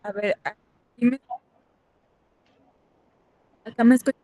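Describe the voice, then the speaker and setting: A woman speaks over a video call whose audio keeps breaking up and cutting out. The sound is dry, with no room around it. She starts slowly and haltingly, with fillers between words, as a reviewer at an online academic session. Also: on the high side, fairly even intonation, mellow, no room sound. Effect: choppy, breaking-up video-call audio. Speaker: faculty reviewer at a doctoral colloquium. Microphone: computer mic on a video call.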